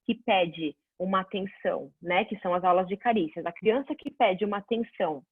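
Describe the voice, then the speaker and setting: A woman's voice: medium pitch, a little fast, husky, no echo. Woman teaching over a tinny line. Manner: conversational, answers viewer questions, lively examples. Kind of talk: casual online class. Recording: dry phone-like audio.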